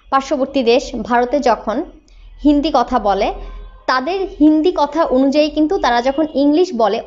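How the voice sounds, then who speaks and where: A woman from Bangladesh, an English teacher, explaining patiently and slowing down to model sentences. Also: high-pitched, lo-fi sound. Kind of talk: explanatory lesson.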